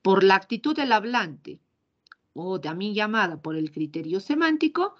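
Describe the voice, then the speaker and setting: A woman's voice: medium pitch, sing-song, moderate pace, dull audio. A woman teacher giving a grammar lesson, explaining patiently and often checking in with short tag questions.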